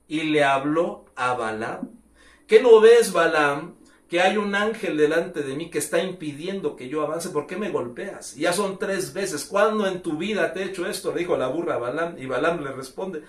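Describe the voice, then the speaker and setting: A man with a Mexican Spanish accent preaching a sermon, retelling a story and acting out its characters with a raised voice. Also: on the high side. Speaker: pastor. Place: church. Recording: echoey church room, voice from far off.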